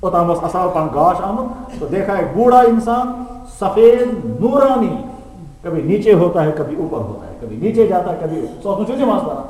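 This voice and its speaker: A high-pitched man preaches a sermon, telling stories and driving his point home with rhetorical questions. His voice rings out through a large room with a long, echoing reverb. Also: sing-song, a little mellow. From Kashmir. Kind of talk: storytelling sermon. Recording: echoey hall with long reverb.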